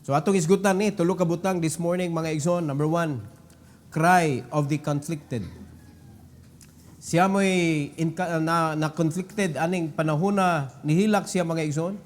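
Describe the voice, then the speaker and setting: A man's voice: on the high side, steady tone, unhurried. A man with a Cebuano accent preaching a prayer-meeting sermon, switching into English and building to raised, emphatic stretches.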